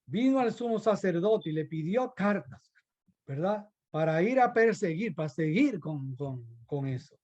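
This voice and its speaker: Male preacher, unhurried sermon delivery, fervent with frequent restarts. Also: sits high, lively intonation, a little mellow, highs cut off. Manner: fervent, repeats rhetorical asides; restarts and stumbles mid-phrase.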